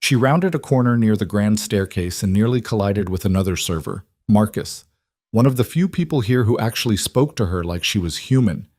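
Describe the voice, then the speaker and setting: A man reads a scripted story in a measured, dramatic way. His voice sits low. The sound is dry and close with no room around it. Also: expressive, a little mellow, dry recording. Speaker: narrator. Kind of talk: scripted narration.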